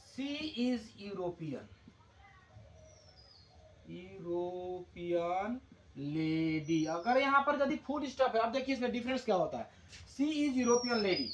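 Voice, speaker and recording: A man teaching English grammar, explaining slowly in Hindi and repeating key words for his class. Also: very high voice, echoey room, slight background noise.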